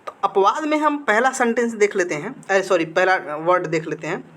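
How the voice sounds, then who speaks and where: A man's voice: high voice, fairly quick, a bit bright. Man teaching grammar in a question-and-answer style. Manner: asks the class questions, then answers them himself; repeats key words for emphasis. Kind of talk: classroom-style lesson with slides.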